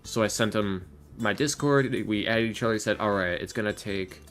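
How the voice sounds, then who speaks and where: Soft guitar music runs under this podcast interview with an ASMR roleplay creator and voice actor in his early twenties. His voice is lowish and a little fast as he chats informally, wandering from point to point in slangy language.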